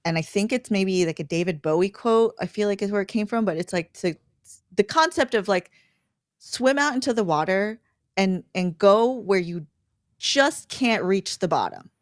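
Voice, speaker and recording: A woman content creator, guesting on a livestream, chats informally in an animated, mid-range voice at a normal speed. The audio is clean studio sound with no echo.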